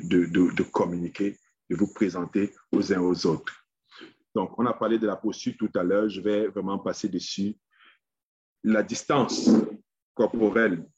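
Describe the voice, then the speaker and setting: A man with a fairly low, husky voice teaches an online lesson on public speaking. He stops and repeats small words while he looks for the right phrasing. His voice comes through a dull, lo-fi webinar microphone with no room sound. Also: a little mellow, dry recording.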